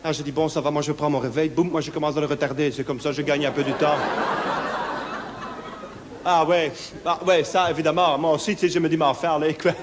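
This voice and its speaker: A man's voice: steady tone, a little fast. A man with a Brussels French accent performing a nervous, rambling one-man stage monologue, full of local fillers and sudden put-on voices. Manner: acts out other voices in higher pitch. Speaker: stand-up performer. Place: theatre stage. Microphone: handheld stage mic. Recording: long hall reverb, faint room noise.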